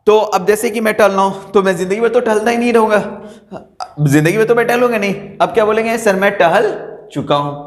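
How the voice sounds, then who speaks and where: A man teaching an English grammar lesson in a classroom, animated, quizzing his students and having them call out the answers. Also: sits high. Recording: echoey classroom, long reverb.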